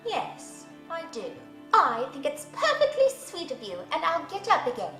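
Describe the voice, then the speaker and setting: Wendy, a gentle young girl, as a woman reads her. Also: high-pitched, wildly swooping pitch, unhurried, echoey room, faint music behind, heavily acted. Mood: soft, sweet. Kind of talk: storybook reading.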